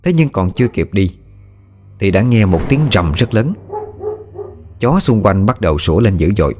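A man narrating a ghost story in a steady, plain way. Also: fairly low pitch, moderate pace, soft background music.

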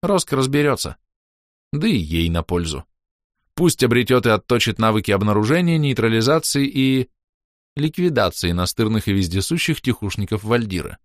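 A man's voice: lowish voice, very animated, moderate pace, no room sound, studio quality. A man narrating a fantasy audiobook expressively, acting out the dialogue.

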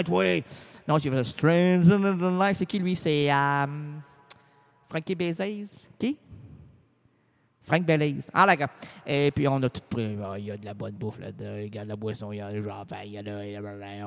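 A man's voice: a little high, vocal fry. A man with a Quebec French accent voicing a bumbling, rambling small-town police officer in a comedic radio sketch, stumbling over words and mangling names.

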